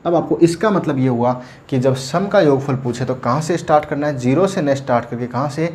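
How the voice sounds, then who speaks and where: A man's voice: medium pitch, a little fast, darkish tone. Man teaching math at a board. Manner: asks and answers his own questions, repeats "ध्यान देना". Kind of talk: classroom lecture at a board.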